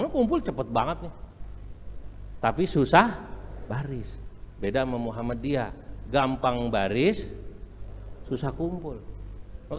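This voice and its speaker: Slow, echoey preacher. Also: male voice, mid-range voice, slight background noise. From Indonesia. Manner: chants and sings Arabic phrases, jokes about regional accents. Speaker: Islamic preacher. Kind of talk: humorous religious lecture. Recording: echoey hall, faint room ambience.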